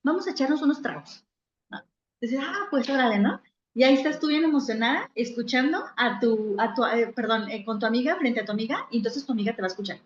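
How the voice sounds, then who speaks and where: A woman psychologist talks her audience through everyday scenes, slipping into quoted voices to make her points. Her voice sits high. The recording is roomy, with a dull, lo-fi sound. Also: fast talker, slight background noise. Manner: conversational, acts out little scenes with quoted voices. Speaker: psychologist giving a talk. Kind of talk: virtual conference talk.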